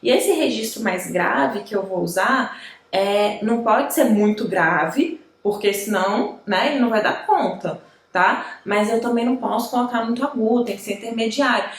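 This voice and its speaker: A woman's voice: fairly high pitch, normal speed, echoey room. A woman music teacher with a Brazilian Portuguese accent, explaining voice types in a chatty online lesson and often checking in with her listeners. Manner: chatty, explanatory, frequent tag questions.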